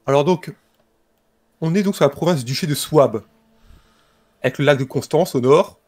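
A man presenting a book and its history informally, in a calm, explanatory way. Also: fairly high pitch, normal speed, husky. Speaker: guest presenter.

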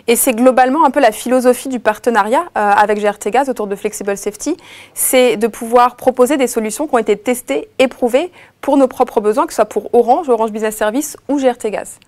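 A woman's voice: on the high side, fast, a little mellow. A woman on a webinar panel, explaining steadily with many fillers and restarts. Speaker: expert panelist.

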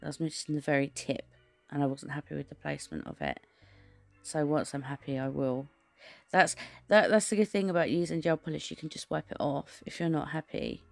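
A woman talks through a nail art tutorial in a casual, rambling voice-over. Her voice is low and has a gravelly fry. It is recorded close and dry, with soft background music. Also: fairly even intonation, fairly quick, no echo. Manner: chatty, rambling, many fillers and restarts.

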